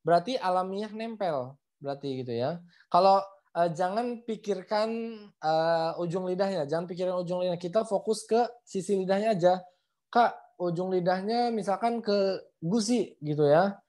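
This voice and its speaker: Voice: mid-range voice, normal speed, a little mellow. Chatty teacher drilling pronunciation. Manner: repetitive, demonstrates sounds aloud, frequent "ya" and "gitu". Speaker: Quran recitation teacher. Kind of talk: casual online lesson. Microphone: video call.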